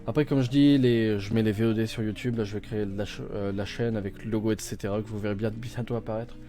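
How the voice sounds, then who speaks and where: A man's voice: lowish voice, steady tone, fast talker, warm tone, faint music behind. A man playing a video game on stream, thinking aloud with many fillers and restarts, reading game text out and translating it. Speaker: gaming streamer. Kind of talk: casual let's-play commentary.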